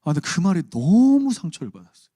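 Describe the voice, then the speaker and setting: A man's voice: high-pitched, sing-song, fast talker, mellow, no room sound, clean studio sound. A man preaching a sermon as pastor, conversational and humorous with emphatic turns. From Chungcheong region, Korea.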